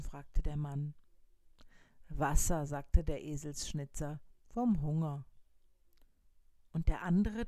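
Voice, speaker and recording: A woman reading a story aloud, slowly and quietly, sometimes in a whisper. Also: sits low, no room sound.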